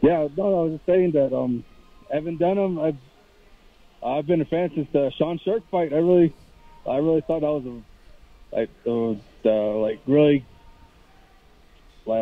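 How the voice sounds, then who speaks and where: A man's voice: on the high side, no room sound. Man calling in over a tinny phone line. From Navajo Nation, Arizona. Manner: rambling, halting, many fillers. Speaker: caller. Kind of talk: casual call-in chat.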